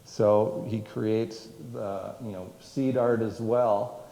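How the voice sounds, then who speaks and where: His voice is lowish, gravelly and dark, steady and slow. As museum director he gives a rambling public history talk in the museum event room, often restarting and using fillers, and the echoey hall carries a long reverb.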